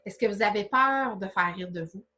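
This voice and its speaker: A woman's voice: mid-range voice, moderate pace, bright, forceful tone, slight background noise. A woman with a Québécois French accent coaching an online audience in a motivational live talk, firing off direct, coaxing questions in a familiar, chatty way. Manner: familiar, chatty address with many fillers like "là". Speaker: business coach.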